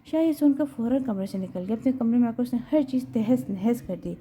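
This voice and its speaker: A woman reading a romance novel aloud in an even, steady storytelling manner. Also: on the high side, a little hiss or hum. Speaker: audiobook narrator.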